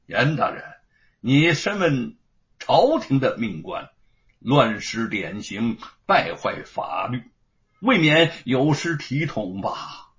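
A man voicing a dignified court scholar who rebukes in a measured, stern way. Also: medium pitch, sing-song, a bit bright, pitched below the performer's own voice. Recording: dull lo-fi recording.

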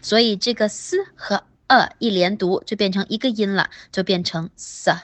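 Pronunciation teacher, woman, mid pitch, dry close sound, slow drilled vowels, encouraging. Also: fairly bright tone, no echo. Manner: drawn-out vowel demonstrations, repeats words slowly; encouraging praise. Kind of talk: online class instruction.

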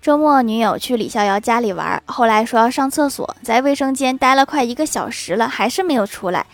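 A woman narrating short comic anecdotes with lively delivery and wry asides. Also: fairly high pitch, fairly quick, faint music behind. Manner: lively, switches voices for quoted characters, laughing asides. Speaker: joke narrator. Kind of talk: storytelling funny anecdotes with quick asides.

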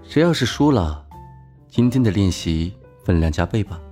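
A man's voice: sits low, normal speed, faint music behind. A man as a smiling, ruthless tennis captain. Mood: smiling menace. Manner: calm, smiling menace.

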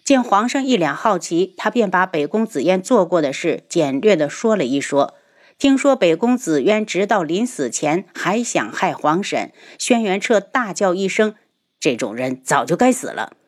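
A woman narrating a novel as an audiobook reader, in an expressive storytelling manner. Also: lowish voice, normal speed.

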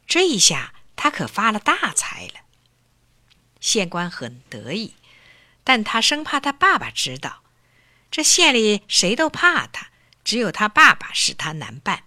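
A woman narrating a folk tale for children in an expressive storytelling voice. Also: mid-range voice, measured pace, no room sound.

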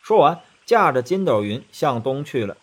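A man narrating a children's story in a lively, expressive way. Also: medium pitch, moderate pace.

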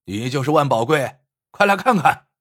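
A man voicing a rude, brash man who shouts demands at a doctor in a spoken story. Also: mid-range voice, animated, moderate pace, husky. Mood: rude demanding.

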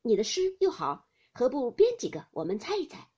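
A woman reading a storybook aloud, voicing a good-humored young widow who speaks cheerfully and slows down to pose riddles. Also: a little high, wildly swooping pitch, mellow, husky, dull audio, full character voice. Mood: playful.

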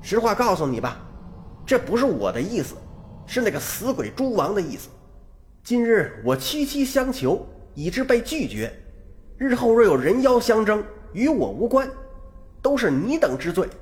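A man's voice: high-pitched, very animated, normal speed, darkish tone, pitched above the performer's own voice. A man voicing a sly, scheming female snake demon in a storytelling performance, with a silky, calculating delivery.

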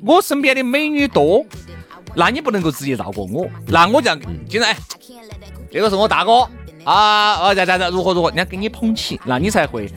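Brief: high-voiced Sichuanese man, lively co-host lecturing in chat, quick delivery. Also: soft background music. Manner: animated, lecturing in dialect. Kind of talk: casual chat.

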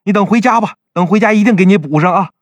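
An earnest younger brother with a quick temper, voiced by a male storyteller. His voice swings widely in pitch and sounds dry and close. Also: very animated, husky, dry recording. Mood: delighted. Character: loyal younger brother, indignant and warm.

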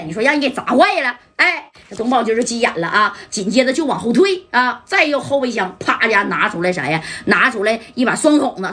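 A woman telling a gangster story in a lively, colloquial way, often asking the listeners questions. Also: fairly high pitch, slightly rough. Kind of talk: oral storytelling of a gangster tale.

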